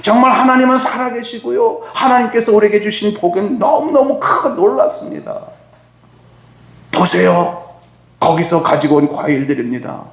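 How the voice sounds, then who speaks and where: A preacher acting out eager, exclaiming scouts. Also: male voice, high-pitched, lively intonation, moderate pace, creaky, voice pushed up. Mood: excited. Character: excited ancient male scouts reporting back. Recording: echoey church sanctuary.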